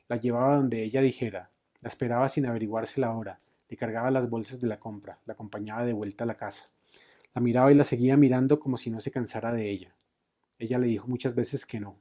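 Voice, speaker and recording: A man reading a novel aloud expressively, raising his voice for shouted lines. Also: mid-range voice. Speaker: book reader.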